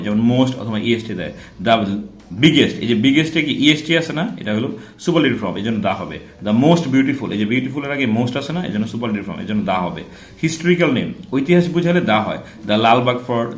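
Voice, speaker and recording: A man's voice: mid-range voice, echoey room. A man teaching an English grammar lesson in a casual classroom style, repeating example words and checking in with rhetorical questions.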